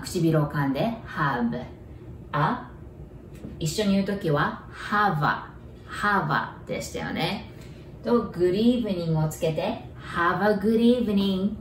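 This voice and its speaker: A woman teaching a bilingual language lesson, slowly repeating words in careful pronunciation drills. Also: on the low side, a little mellow. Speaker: English teacher. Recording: echoey room, distant mic, faint noise.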